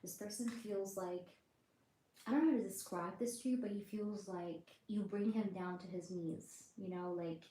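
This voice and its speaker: A woman's voice: medium pitch, steady tone, moderate pace, dark tone. A woman doing a live-streamed tarot reading, relaying messages in the first person, repeating phrases and greeting chat viewers by name. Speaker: tarot reader. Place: indoors at night with others nearby. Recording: roomy echo, faint background noise.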